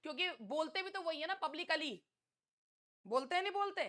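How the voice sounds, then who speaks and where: A young woman teaching an English exam-prep lesson, chatty and teasing, reading questions out slowly. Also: very high voice, expressive, fairly bright tone. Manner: chatty, scolding, teasing students.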